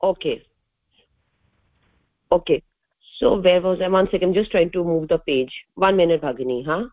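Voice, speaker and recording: A woman's voice: lowish voice, normal speed, dry recording. A woman joining a group voice call as a student and reading her answers aloud. She sounds hesitant and checks in often with the teacher. Her voice is thin and phone-like, with a dry sound and no room around it. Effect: heard through a group voice call. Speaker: student in an online language class.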